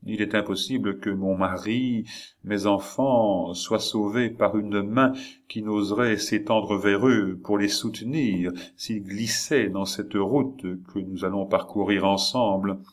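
Sorrowful queen pleading in a low voice, as a man reads her part. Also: fairly even intonation, measured pace, natural voice. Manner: sorrowful, imploring reading. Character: melancholy pleading queen, woman, middle-aged. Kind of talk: audiobook reading of a novel.

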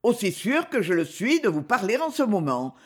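A man's voice: sits high, very animated, moderate pace, husky, exaggerated voice. A man reading the part of an eager, timid male dwarf servant in an audiobook, talking in a flustered way. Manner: flustered, stammering.

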